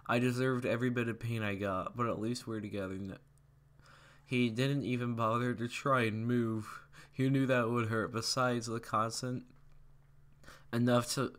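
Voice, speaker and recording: A man's voice: mid-range voice, steady tone, measured pace. A young man casually reading fan fiction aloud, stumbling over words and correcting himself as he goes. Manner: stumbling, self-correcting, chuckling asides.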